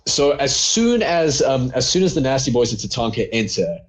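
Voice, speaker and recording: Co-hosting a casual wrestling review podcast, a man rambles along with lots of fillers and laughter. His mid-range voice has a sing-song lilt and moves at normal speed.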